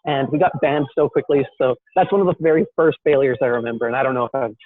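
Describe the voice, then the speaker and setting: A man's voice: mid-range voice, quick pace. A young man tells his own story to an interviewer, circling back on himself with ums and restarts and poking fun at himself. His voice sits in an ordinary middle register. It comes through a thin, phone-like line with no room echo at all. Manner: self-deprecating, rambling with many fillers and restarts. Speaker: guest entrepreneur. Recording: dry, tinny phone-like call audio.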